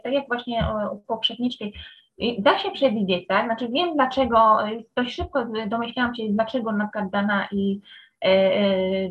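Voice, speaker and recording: Woman, book club member, higher voice, long-winded and thoughtful. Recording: muffled lo-fi sound.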